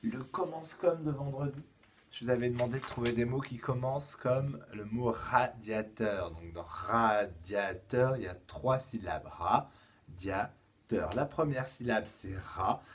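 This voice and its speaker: A man with a French accent, a kindergarten teacher giving a slow, patient home-schooling lesson to young children. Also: medium pitch, slightly rough.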